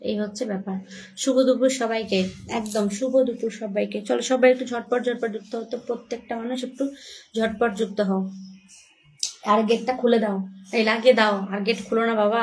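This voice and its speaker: A woman's voice: on the high side, a little hiss or hum. Chatty woman livestreaming from home. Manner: chatty, shaken and frightened. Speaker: livestream host. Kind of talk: casual livestream chat. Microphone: phone.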